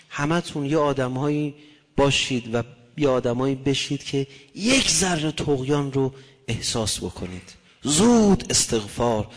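A man preaching a religious sermon, shifting between hushed murmurs and loud impassioned cries. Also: mid-range voice, long reverb tail.

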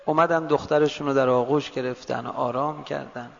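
A man preaching a sermon, telling stories with sudden emotional rises and hushed drops. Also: mid-range voice, fairly even intonation, gravelly, in a large hall, highs cut off.

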